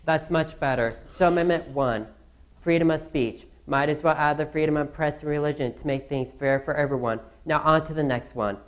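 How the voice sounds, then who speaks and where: A man's voice: fairly high pitch, brisk, muffled recording, close to an everyday voice. A young man playing an anxious founding father in a student skit, fretting aloud to himself. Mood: worried musing. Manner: fretful, talks to himself.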